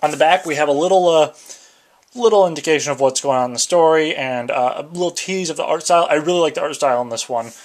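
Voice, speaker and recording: A man's voice: fairly high pitch, fast. A man casually reviewing a comic book, rambling with many fillers while talking around something in his mouth. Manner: loose, rambling, lots of fillers.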